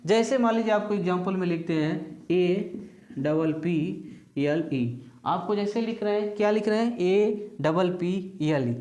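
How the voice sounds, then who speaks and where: A woman's voice: medium pitch, moderate pace, warm tone. Echoey woman teaching by drilling. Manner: repetitive question-and-answer drilling. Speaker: English teacher. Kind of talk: classroom lesson.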